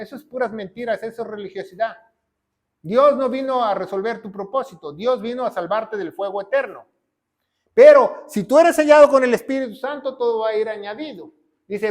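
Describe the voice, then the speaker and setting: A man preaches emphatically in a strikingly high voice. He swings between loud declarations and quiet, low lines. He keeps checking in with his listeners through short tag questions. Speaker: pastor. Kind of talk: sermon.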